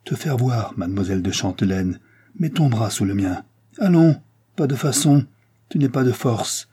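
A man's voice: mid-range voice, animated, normal speed, warm tone, husky. A man voicing a stubborn, grim Breton servant with a grave, menacing manner.

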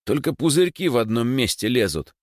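A bashful, flustered schoolboy who answers haltingly and grows alarmed easily, voiced by a man reading the story. His lines jump in pitch as he frets. The sound is dry and close to the mic. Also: animated, no echo, natural voice. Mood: puzzling. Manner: hesitant, flustered. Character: schoolboy Dimych, shy, flustered dreamer. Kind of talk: audiobook character voice.

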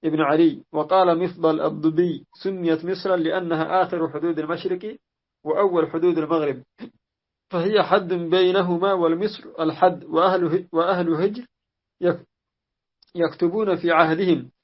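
Male reader, fairly high voice, measured text reading, muffled lo-fi recording. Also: fairly even intonation. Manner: measured, restarts on slips. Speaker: reader of a classical exegesis text. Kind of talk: reading a classical text aloud. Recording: dull lo-fi audio.

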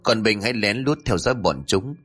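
A composed older aunt gives steady instructions, voiced by a male storyteller. The voice is calm and fairly low, with lively intonation. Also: a little fast, slightly rough, faint music behind.

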